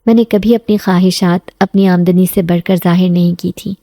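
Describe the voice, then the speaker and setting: A woman voicing a sickly, orphaned young male servant who tells his story in a quiet, resigned tone. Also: on the low side, steady tone, dry recording, lightly acted. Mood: wistful.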